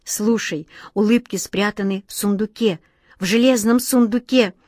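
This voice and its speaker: A woman voicing a playful, childlike wind spirit who teases in a high, ringing, singsong voice. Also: normal speed, a little mellow, no room sound, clean studio sound, lightly acted. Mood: teasing.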